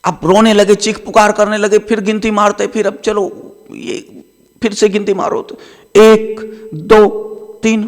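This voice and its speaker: High-voiced male preacher in a reverberant hall. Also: flat delivery, unhurried. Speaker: spiritual preacher. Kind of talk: satsang sermon with storytelling.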